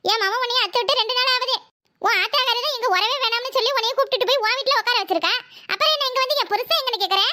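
A scheming cartoon mother-in-law, acted by a woman, scolds and threatens in a very high, sharp, rapid voice. She is harsh and domineering, and she barks orders without pause. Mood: scolding.

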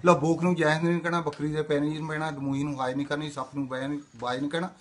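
An older man from Indian Punjab runs through a comic monologue as one long rhyming list, line after line in a sing-song beat. He talks extremely fast, barely pausing between phrases, with a slightly raised pitch. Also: flat delivery. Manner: chanting long rhythmic lists in a sing-song. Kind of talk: rapid-fire rhyming comic patter.

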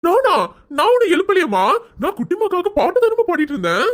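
A woman voicing a doting, soft-hearted young husband in a cartoon serial, coaxing and soothing with baby talk. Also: very high voice, very animated, fast.

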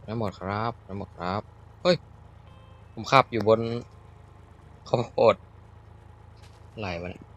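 A man's voice: on the low side, measured pace, long pauses, fairly bright tone, husky, dull audio. A young man chatting casually as he plays, joking at himself and blurting out sudden exclamations. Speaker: gaming YouTuber. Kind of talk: casual Minecraft let's-play commentary.

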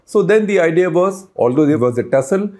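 This older news-explainer host talks to camera like a conversation, quizzing the viewer, with a lapel mic picking him up in a room full of books. His fairly high voice is expressive and brisk, with a darkish tone.

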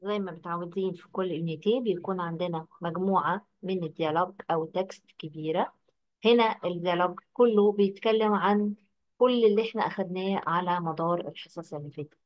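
Female online French teacher, brisk and explanatory. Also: fairly low pitch, lo-fi sound. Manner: explaining, dictating slowly at times. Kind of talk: online language lesson.

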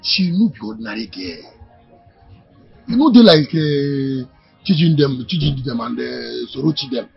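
A man with a Nigerian accent playing an excitable, scheming mechanic in a Nollywood film. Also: mid-range voice, unhurried, gravelly, breathy edge, exaggerated voice. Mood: persuading. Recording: dull film audio with music.

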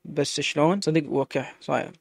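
A man's voice: fairly high pitch, steady tone, moderate pace, vocal fry, dry recording. A man with an Iraqi accent voicing a young wife and mother who is tired and snaps playfully.

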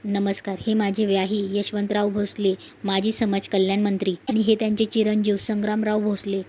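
A woman voicing the bride's anxious uncle in a flat, even storyteller's voice. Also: medium pitch, moderate pace, a little hiss or hum, close to an everyday voice. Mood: explaining.

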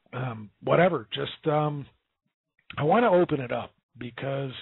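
A man hosting a call-in radio talk show, emphatic and excitable, losing his voice and sounding hoarse. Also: medium pitch, no room sound. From US Gulf coast. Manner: excited, emphatic, with many fillers. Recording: dry tinny phone-like line.

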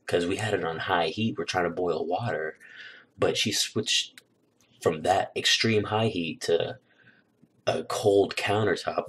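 A man's voice: low voice, slightly rough. A young man casually telling a holiday story on his vlog, rambling with lots of fillers, recorded on a new desk microphone. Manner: relaxed, rambling, filler-heavy. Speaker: YouTuber.

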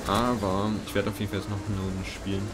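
Excitable young man gaming, music behind. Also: fairly low pitch, fast talker. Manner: excitable, swearing, self-mocking. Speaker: gaming YouTuber. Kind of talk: casual gameplay commentary. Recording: game music and gunfire behind. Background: game music and gunfire.

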